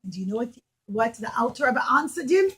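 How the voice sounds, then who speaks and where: A preschool teacher performing a puppet show speaks with a fairly high, husky, fairly bright voice, very animated and fairly quick. She tells the young children a story in simple, emphatic phrases, frequently putting questions to them.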